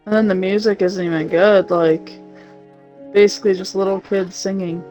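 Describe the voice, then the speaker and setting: A woman streamer chatting casually with family while playing a game, in a relaxed, grumbling way, with game music faint behind her. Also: mid-range voice, normal speed, rough recording. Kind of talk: casual chat while gaming.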